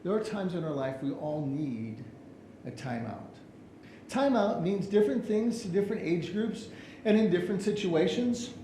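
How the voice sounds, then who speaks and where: A man's voice: sits high, expressive, moderate pace, mellow, echoey room, slight background noise, poor audio. A man preaching a sermon as pastor, telling stories and acting out the people in them. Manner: storytelling, acts out the people in his stories. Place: church sanctuary.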